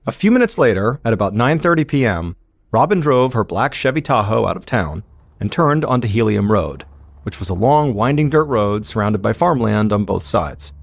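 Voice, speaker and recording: A man hosting a podcast, telling a true-crime story in measured, suspenseful scripted narration. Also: on the low side, big pitch swings, creaky, no room sound. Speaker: podcast host.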